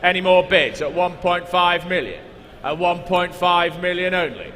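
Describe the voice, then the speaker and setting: High-pitched male auctioneer in an echoing hall. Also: moderate pace, a bit bright. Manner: repeats figures insistently, coaxing bidders. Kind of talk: live car auction bid-calling. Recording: echoey large hall, background noise.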